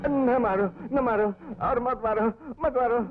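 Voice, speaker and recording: A man's voice: very high-pitched, fairly even intonation, measured pace. A man dubbing a cowardly, corrupt minister who whines and begs under interrogation, in a Hindi-dubbed film. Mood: pleading. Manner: whiny, pleading, panicky. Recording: thin phone-like dubbed audio with music.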